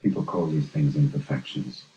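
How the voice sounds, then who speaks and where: A gruff widowed Boston therapist. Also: male voice, a bass voice, steady tone, moderate pace, warm tone, a little hiss or hum. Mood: wistful. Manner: blunt, coarse, reflective. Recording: dull, roomy film soundtrack.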